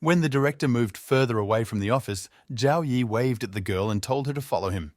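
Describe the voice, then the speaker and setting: Male narrator, mid-pitched voice, scripted story recap, even and matter-of-fact, dry recording. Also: a little fast, no room sound.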